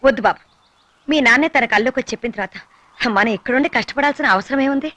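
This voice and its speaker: A dubbing actor playing a gentle, devoted mother in a dubbed film, speaking softly and soothingly. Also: sits high, racing, no room sound, dull audio. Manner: soft and consoling. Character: gentle, devoted mother and widowed sister-in-law. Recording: film dub with score underneath.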